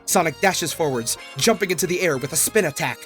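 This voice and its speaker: Reading dramatic narration for a comedy fandub, this man keeps breaking into laughter partway through lines. He sounds animated and a bit bright, with a voice on the high side and a brisk pace. There's music under the recording.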